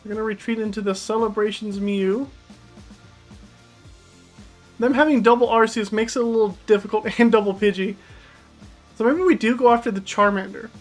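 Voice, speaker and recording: A woman's voice: on the high side, steady tone, moderate pace, long pauses, darkish tone. A woman giving casual commentary on her card game deck, chatty and thinking aloud as she plays. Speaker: gaming YouTuber. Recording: faint background music.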